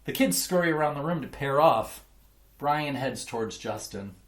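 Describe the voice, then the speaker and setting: A man reading a children's picture book aloud in an expressive, emphatic way, like a teacher. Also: fairly high pitch, normal speed. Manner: emphatic, acts out dialogue. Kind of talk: expressive children's storybook narration.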